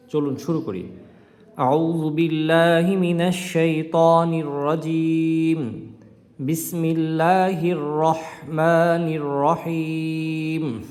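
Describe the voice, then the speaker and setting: A man teaching a Quran lesson, spelling out each word letter by letter and then reciting it slowly and drawn out, with quick explanations in between. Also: a little high, darkish tone. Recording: long hall reverb.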